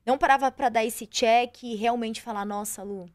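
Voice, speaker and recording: A woman with a fairly high voice talks in a lively, expressive way as a guest on an interview podcast. She often jumps into quoting her own thoughts and sounds close to the mic. The room around her is dry and deadened. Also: normal speed, no echo. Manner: animated, acts out her own inner voice in quotes. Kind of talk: casual interview chat.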